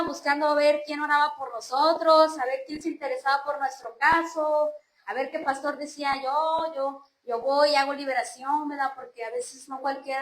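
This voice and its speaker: A woman's voice: high voice, fairly bright tone. A woman from Mexico gives an earnest religious testimony, repeatedly calling her listeners brothers and sisters. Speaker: churchgoer giving testimony. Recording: roomy echo.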